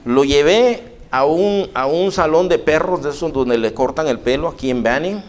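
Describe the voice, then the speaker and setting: A man's voice: a little high, moderate pace. A man preaching a sermon in a church, telling a personal story folksily and often calling listeners brother. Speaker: pastor.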